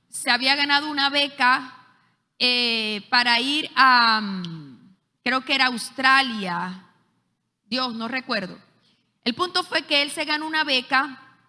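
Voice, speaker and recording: High-voiced woman teaching in a hall. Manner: lively storyteller, frequent hesitations. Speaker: leadership school teacher. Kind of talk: church teaching with storytelling. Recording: echoey hall.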